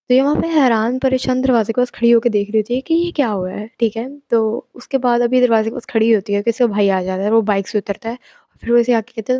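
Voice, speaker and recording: A woman's voice: fairly high pitch, dark tone, no echo. A young woman casually telling a horror story, chatty and mixing in English asides. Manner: chatty, mixes English asides, exclaims at the listener.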